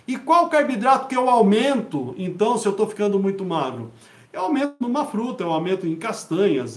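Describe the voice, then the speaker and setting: A man in his fifties with a Brazilian accent, explaining things informally and didactically as he answers questions. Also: high-pitched. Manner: didactic, repetitive, with check-in tags. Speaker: health educator hosting a live Q&A. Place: small home study with bookshelves, indoors. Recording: echoey room.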